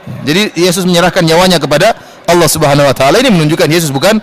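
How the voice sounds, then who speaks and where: A male preacher with a fairly high voice lectures at a quick clip. He lifts his voice when he quotes scripture, giving the talk an animated, emphatic drive. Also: low-quality recording. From Indonesia. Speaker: Islamic preacher. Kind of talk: religious study lecture. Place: large mosque.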